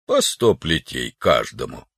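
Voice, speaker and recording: A man voicing a cold, sluggish alien officer in a children's audiobook, speaking low, quiet and slow. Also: vocal fry, slightly rough, no room sound, studio quality, full character voice. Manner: flat, sluggish, stern.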